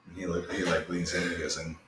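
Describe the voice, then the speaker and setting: A man's voice: low voice, flat delivery, fast talker, fairly bright tone. A man narrating as game master for a tabletop game in a loose, rambling way with lots of fillers. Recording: echoey room with faint noise.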